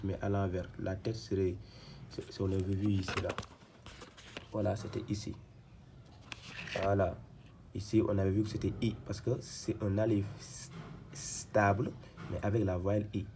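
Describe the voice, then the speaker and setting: A man's voice: fairly low pitch, slight background noise. A man teaching Quran reading, going patiently syllable by syllable, repeating sounds and often restarting his sentences. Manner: patient, repetitive, spells out syllables slowly; frequent hesitations and restarts. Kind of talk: step-by-step reading lesson.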